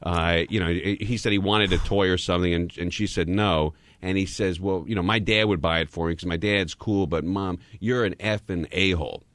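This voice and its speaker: A man's voice: sits low, steady tone, a little fast, few pauses, a bit bright, dry recording. A man hosting a radio talk show, trading jokes and telling rambling stories. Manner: joking, rambling storyteller. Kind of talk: casual radio banter. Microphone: studio microphone.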